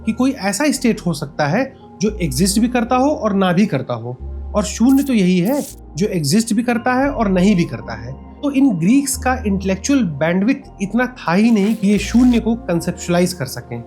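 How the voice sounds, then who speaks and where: A narrator delivers a scripted history lesson with a lively, rising and falling pitch. The explanation moves step by step, with rhetorical questions to the listener and frequent switches into English phrases. Faint music plays underneath the voice-over. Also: normal speed. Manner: switches often between Hindi and English phrases. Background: faint background music.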